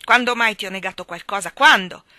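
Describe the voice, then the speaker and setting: A woman reading aloud voices an old man in his sixties who shouts his indignation. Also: mid-range voice, a little fast, no room sound. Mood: furious shouting. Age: 60s. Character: angry old man, bushy brows, bad-tempered.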